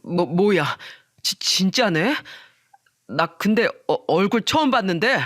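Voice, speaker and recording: A woman's voice: mid-range voice, lively intonation, moderate pace, fairly bright tone, dry recording, clean studio sound, natural voice. Woman doing a sneering drunk man. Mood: flustered. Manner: slurred, mocking, laughing drunk. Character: drunk rude man, husband's friend, mocking.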